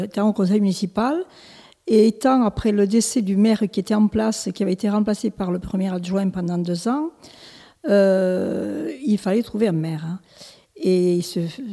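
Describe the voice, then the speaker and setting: Heard in a large hall, this Italian-born village mayor in her seventies has a mellow, mid-range voice. She responds to a local interview hesitantly, often restarting and using plenty of fillers.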